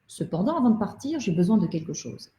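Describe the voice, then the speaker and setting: A tiny rubber doll with a knack for the future, put on by a woman reading a storybook aloud. She speaks calmly and plainly, reaching high when she calls out. The mellow voice rings in an echoey room. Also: quick pace, close to an everyday voice. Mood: reassuring. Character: small talking rubber doll, female, shrewd fortune-teller. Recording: roomy echo.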